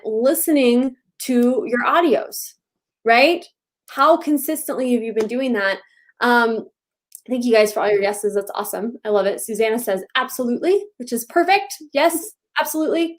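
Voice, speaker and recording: A woman co-hosting a live coaching show, upbeat and encouraging, firing off rhetorical questions. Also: a little high. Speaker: co-host. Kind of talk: live-streamed coaching chat.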